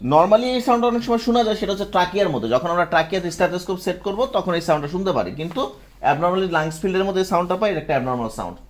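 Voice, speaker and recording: A medical instructor with a high-pitched, lively voice teaches a class at rapid-fire speed. He keeps quizzing the students and checking they're following, and they can be heard answering.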